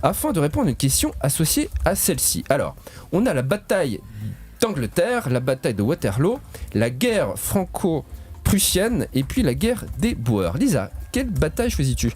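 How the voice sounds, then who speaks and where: A man with a slightly husky voice, hosting a radio quiz in a studio in a joking, playful way. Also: a little high, normal speed. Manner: lively, joking, stretches key words. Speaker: quiz host.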